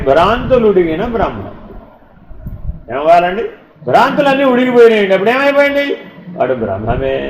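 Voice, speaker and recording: A man teaching in a spiritual discourse, asking rhetorical questions and swinging between loud emphasis and hushed lines. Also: high-pitched. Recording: echoey room with faint ambient noise.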